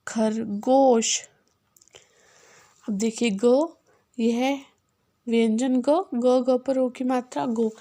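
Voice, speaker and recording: Woman, teacher, children's phonics lesson, syllable-by-syllable, high mellow voice. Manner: sounds out syllables slowly and repeats them; switches between Hindi and simple English.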